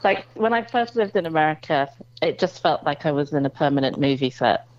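A woman's voice: low voice, animated, fairly quick, dry recording. A woman with an English accent, a guest in a casual interview, answering with dry, understated humor. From England. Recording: slightly dull lo-fi sound.

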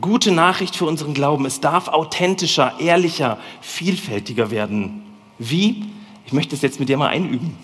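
Guy preaching a chatty sermon, kinda high voice, big church hall echo. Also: normal speed, slightly rough. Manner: lively, colloquial, addresses the congregation directly. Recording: long hall reverb.

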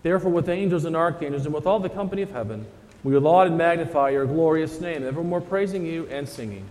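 A man's voice: fairly high pitch, fast talker, a little mellow. A man leading the communion liturgy as pastor, solemn and formal, his voice carrying a long echo through a large church. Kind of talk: chanting and speaking the communion liturgy. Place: church sanctuary.

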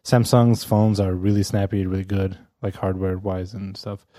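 A man's voice: low-pitched, steady tone, normal speed, warm tone, no room sound, studio quality. A man co-hosting a podcast, chatting casually and rambling, with lots of fillers and restarts. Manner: rambling, many fillers and restarts, laughs often. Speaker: podcast co-host. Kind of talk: casual chat. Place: lives in Amsterdam.

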